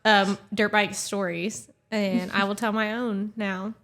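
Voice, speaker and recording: A woman's voice: mid-range voice, level tone, slow, fairly bright tone, slight background noise. A woman leading a podcast segment in casual chat. She tells her stories playfully and with a teasing edge, in a mid-range voice.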